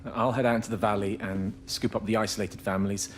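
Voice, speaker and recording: An actor playing a brisk, helpful village man in a video game drama. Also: lowish voice, fairly even intonation, a little hiss or hum, natural voice. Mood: brisk, concerned.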